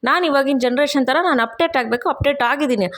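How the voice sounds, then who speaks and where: A woman's voice: high voice, quick pace, fairly bright tone, pitched above the performer's own voice. A woman voicing a brash, defiant young daughter-in-law who talks back sharply and sprinkles in English words.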